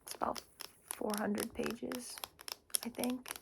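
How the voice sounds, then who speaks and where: A woman with a fairly high voice gives a soft, casual ASMR chat. She rambles informally and hesitantly, over heavy noise with clicks and shuffling from handled objects. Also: little pitch movement, takes it slowly, vocal fry. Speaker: ASMR book reviewer. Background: tapping and scratching on books.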